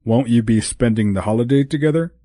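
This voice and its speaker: A man's voice: mid-range voice, fairly quick, mellow, dry recording, clean studio sound, voice pushed up, natural voice. Santa Claus, voiced by a male narrator. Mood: fatherly. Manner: avuncular, calls her "my dear". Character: kindly old Santa Claus, gentle and wise. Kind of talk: audiobook character voice.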